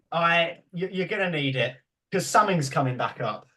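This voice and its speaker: A man's voice: on the high side, animated, moderate pace, sharp tone. A man hosting a casual podcast, laughing, swearing and rambling as he chats with his guests. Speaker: podcast host.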